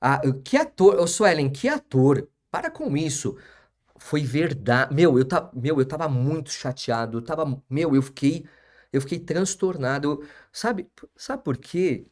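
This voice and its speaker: São guy hosting a live, bit high voice, repeats himself a lot, talks to the chat. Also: expressive, measured pace. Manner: emphatic, repeats phrases, chats with viewers in the comments. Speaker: auctioneer and lawyer hosting a live stream. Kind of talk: live stream talk to viewers.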